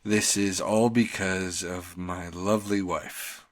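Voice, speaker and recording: A man's voice: low-pitched, fairly even intonation, slow pace, no echo, studio quality. A man co-hosting a podcast, talking casually about TV shows in a rambling, slangy, conversational way. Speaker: podcast co-host.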